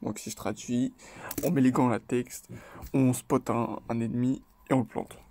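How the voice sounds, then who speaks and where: A man hosting his own video, talking through rap lyrics in a loose, chatty way, hesitating often and tagging his points with quick check-ins. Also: mid-range voice, fairly even intonation, dark tone. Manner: loose and chatty, tags lines with "ok?" and "voilà"; hesitant, with frequent fillers and restarts. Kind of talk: casual spoken commentary.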